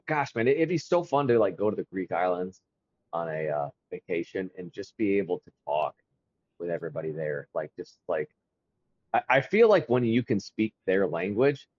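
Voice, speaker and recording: A man in his thirties co-hosting a podcast, talking casually, animated, stumbling over restarts and laughing often. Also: low-pitched, normal speed, breathy edge, lo-fi sound. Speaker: podcast co-host. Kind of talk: casual chat.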